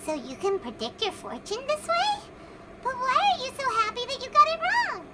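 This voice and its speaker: A woman voicing a tiny, chirpy, blunt childlike fairy companion in an animated video game. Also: normal speed, heavy background noise, heavily acted. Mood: puzzled, blunt. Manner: squeaky, refers to self in third person. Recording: loud music underneath.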